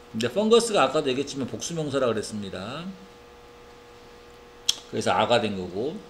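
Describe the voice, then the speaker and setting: A man's voice: a little high, slight background noise. A man teaching an English reading lesson in a classroom, reading English words with a Korean accent and checking in with his students often. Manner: lively, keeps checking in with tag questions. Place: academy classroom.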